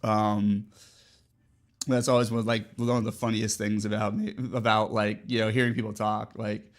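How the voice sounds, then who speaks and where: A man's voice: lowish voice, flat delivery, moderate pace. A man with a Midwestern American accent, chatting casually with his stream's chat, rambling with lots of fillers and frequent laughs.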